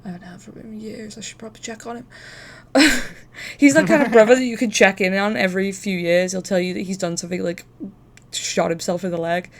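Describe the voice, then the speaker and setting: A woman's voice: medium pitch, fairly even intonation, fast talker. A woman hosting a casual livestream, chatting in an informal, profane, talkative way. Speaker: live stream host.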